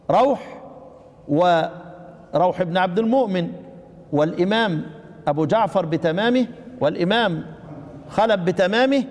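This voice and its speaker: A high-pitched Egyptian man teaches recitation rules to a class. He quizzes the listeners, then answers his own questions, and stretches out the recited words slowly. His voice rings with a long hall echo. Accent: Egyptian Arabic. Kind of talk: classroom lesson explaining a text.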